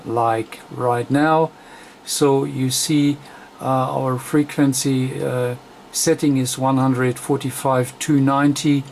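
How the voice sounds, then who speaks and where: In unscripted commentary at his bench, a male radio repair technician demonstrates a technical procedure for a tutorial. His medium-pitched delivery is slow, hesitant, and broken into short phrases, and light background noise can be heard.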